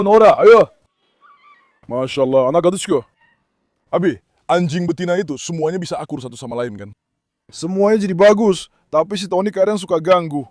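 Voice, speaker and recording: Man, high voice, dry close sound, vlog host, dog breeder, coaxing, affectionate, repeats commands. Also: darkish tone, no echo. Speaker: dog breeder and farm owner. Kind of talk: casual vlog narration.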